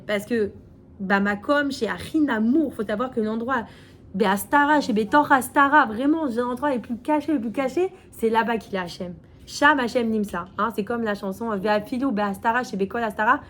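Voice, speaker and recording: A woman's voice: on the high side, a little hiss or hum. Chatty woman telling a story. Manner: chatty, many fillers and restarts, acts out quotes. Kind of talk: casual storytelling lesson.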